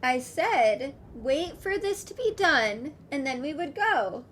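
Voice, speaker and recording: A woman's voice: high voice, very animated, slow, fairly bright tone, slight background noise. A woman streaming a game, reacting casually in a gushing, easily moved way.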